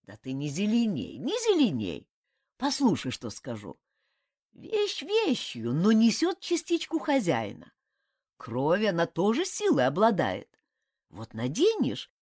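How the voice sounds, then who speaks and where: A woman's voice: medium pitch, huge pitch swings, a little slow, a little mellow, dry recording, clean studio sound. A woman voicing a crafty old male house spirit who talks in a rustic, grumbling way in an audiobook. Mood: grumbling, folksy. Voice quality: rustic village speech, grumbling. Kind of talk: audiobook character voice.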